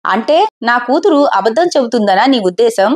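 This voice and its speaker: A woman's voice: a little high, animated, fairly quick, natural voice. Woman voicing a curt, proud older father. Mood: irritated. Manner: curt, irritable, grudging. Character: older man, stern proud father on pilgrimage.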